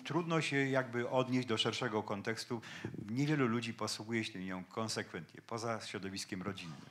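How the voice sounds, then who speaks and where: A man's voice: fairly low pitch, normal speed, fairly bright tone, a little hiss or hum. A man speaking as a linguist on a panel debate, explaining points to an audience in a lecturing way. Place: event hall with an audience.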